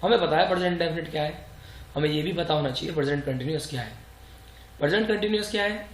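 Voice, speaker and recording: A man's voice: on the high side, fast, reverberant, slight background noise. A man teaching English grammar for exam preparation, who poses rhetorical questions, answers them himself and repeats example sentences. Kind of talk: explanatory exam-prep lesson.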